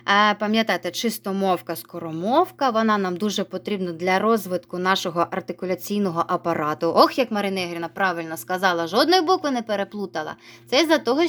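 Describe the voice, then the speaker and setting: A woman teacher giving a recorded reading lesson to young children, praising them and slowly drawing out words as she models reading. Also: mid-range voice, fairly bright tone. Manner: encouraging, sing-song, stretches words slowly when modelling reading. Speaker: primary school teacher.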